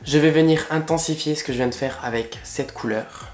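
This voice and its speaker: A young man chatting through a makeup tutorial at home, gushing excitedly over the products with casual slang. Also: on the high side, brisk, soft background music. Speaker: makeup vlogger. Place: indoor room at home, facing a window. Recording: roomy echo.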